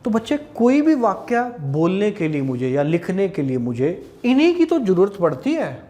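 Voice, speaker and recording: A man's voice: high-pitched, wildly swooping pitch, moderate pace, warm tone. A man from India with a Haryanvi Hindi accent, giving an exam-prep English grammar lecture at a whiteboard, chatty and often checking in with "theek hai". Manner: chatty, addresses students as "bachche", repeats "theek hai". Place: classroom at a whiteboard.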